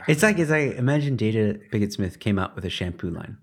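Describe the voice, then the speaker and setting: A man's voice: on the low side, expressive, fairly quick, breathy edge. A man co-hosting a podcast, chatting casually and joking, with many fillers and restarts. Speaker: podcast co-host.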